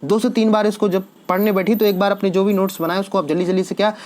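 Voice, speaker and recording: A male teacher giving an exam-prep lecture. He poses quick quiz questions to his students and answers them himself. He repeats each key answer so it sticks. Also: sits high, little pitch movement, a little mellow.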